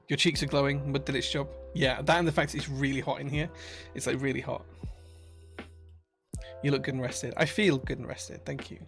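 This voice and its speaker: Streaming live from his workshop, this married adult keyboard builder from Yorkshire, England speaks in a broad Yorkshire accent at medium pitch and normal speed, his tone gravelly, a bit bright and fairly even. He reads out viewer comments casually and warmly, with plenty of uhs and false starts, over soft background music.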